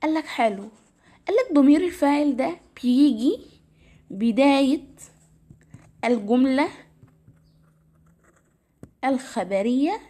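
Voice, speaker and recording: Teaching English grammar in an easygoing, stepwise manner, a woman with an Egyptian Arabic accent keeps repeating "تمام". Her high, expressive, warm voice is unhurried, with long pauses, and carries a tired, slightly strained quality.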